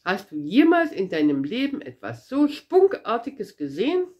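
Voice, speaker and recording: A woman's voice: on the high side, wildly swooping pitch, moderate pace, dark tone, lo-fi sound. A woman voicing a cheeky, boastful little red-haired girl in a read-aloud storybook, chatty and eager. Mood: wistful.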